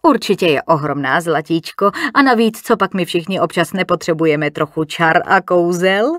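A woman's voice: lowish voice, a bit bright, dry recording, studio quality, lightly acted. A woman reading an audiobook, voicing a mischievous, provocative society woman with a teasing, needling manner.

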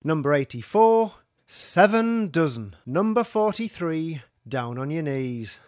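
A man working as a bingo caller, announcing numbers in a scripted, measured, sing-song delivery. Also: a little high, very animated, darkish tone, no echo, clean studio sound. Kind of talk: scripted bingo calling, numbers with rhyming nicknames.

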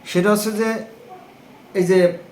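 A man's voice: high-pitched, fairly even intonation, slow pace, darkish tone, roomy sound, slight background noise. A man giving an informal religious talk to viewers, explaining term by term and asking rhetorical questions. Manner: explanatory, lists terms, asks rhetorical "right?". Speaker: religious speaker.

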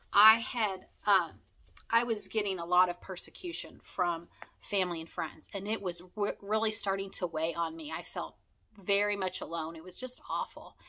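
A woman's voice: mid-range voice, sharp tone. A woman vlogging in a chatty, rambling way, thanking old friends and recalling memories. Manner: chatty, rambling, with frequent fillers and laughs. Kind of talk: personal heartfelt vlog, talking to camera.

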